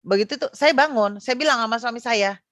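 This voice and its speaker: A woman's voice: a little high, brisk, fairly bright tone, dry recording, studio quality. A middle-aged woman from Indonesia casually recounting a personal experience, with frequent fillers and self-corrections. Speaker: guest sharing personal testimony. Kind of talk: casual spoken testimony.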